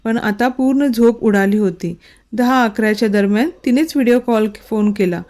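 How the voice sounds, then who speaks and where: A woman narrating a romantic storybook in a steady, emotional reading voice. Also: fairly high pitch, moderate pace. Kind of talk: scripted narration.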